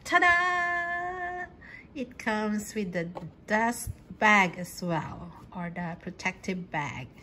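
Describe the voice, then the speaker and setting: A woman casually unboxing sunglasses at home, chatty and excited with lots of fillers. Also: mid-range voice, slow pace, a little hiss or hum, low-quality recording. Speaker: vlogger. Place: home kitchen.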